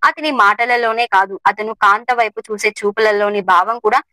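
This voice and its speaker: A woman narrating a scripted story in a steady, expressive reading. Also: mid-range voice, normal speed, no echo, poor audio.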